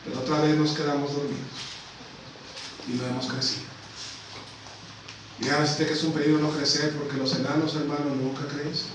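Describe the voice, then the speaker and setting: A man preaching a sermon as a missionary. He keeps calling the congregation brothers and swings between loud emphatic peaks and low, hushed lines. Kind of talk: Spanish-language church sermon. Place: church sanctuary. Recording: echoey church recording from far off, faint hiss.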